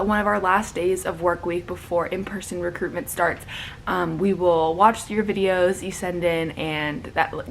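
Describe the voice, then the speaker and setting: A woman's voice: medium pitch, slight background noise, low-quality recording. A young adult woman giving casual Q&A advice to viewers in a bubbly, chatty sorority-girl way, saying "like" often. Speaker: sorority recruitment vlogger.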